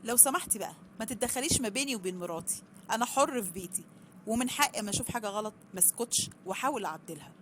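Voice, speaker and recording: A woman's voice: on the high side, lively intonation, very fast, a bit bright, a little hiss or hum. A woman with an Egyptian accent voicing a young husband who is polite but defends himself firmly, in a storybook reading. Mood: defensive.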